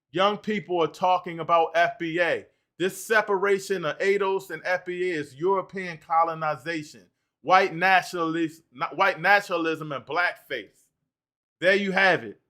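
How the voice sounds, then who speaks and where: Male stream host, bright and fairly high voice, works through the chat out loud. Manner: animated, reads out and answers chat comments. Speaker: livestream host. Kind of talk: livestream talk reading chat comments.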